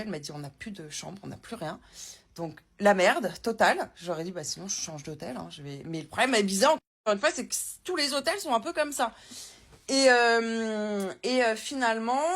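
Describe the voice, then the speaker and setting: Woman vlogger, husky tone, rambling casual talk in a hotel room, phone-recorded. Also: medium pitch. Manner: chatty, rambling, many fillers and restarts. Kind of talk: casual travel vlog chat.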